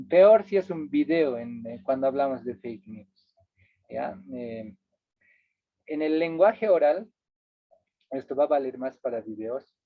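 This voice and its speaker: A man's voice: a little high, no echo. Man lecturing over a tinny line. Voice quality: tag questions to the audience, repeats words for emphasis. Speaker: workshop instructor. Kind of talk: lecturing to a workshop. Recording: dry, tinny phone-like line.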